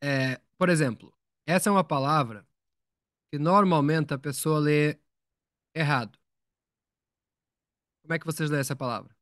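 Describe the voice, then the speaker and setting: Patient Brazilian-Portuguese English teacher, dry sound. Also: male voice, on the high side, normal speed, long pauses, a bit bright, no room sound. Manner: explains patiently, repeats words, asks students questions. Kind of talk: live online English lesson.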